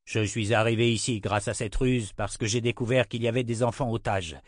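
A man voicing a steady male border guard who speaks firmly and plainly. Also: fairly low pitch, fairly quick, no room sound, clean studio sound, natural voice. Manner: firm, level, commanding.

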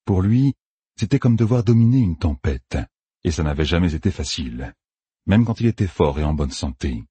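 Raspy low-voiced male audiobook narrator. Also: moderate pace, dry recording. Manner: dramatic, expressive reading. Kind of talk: scripted narration.

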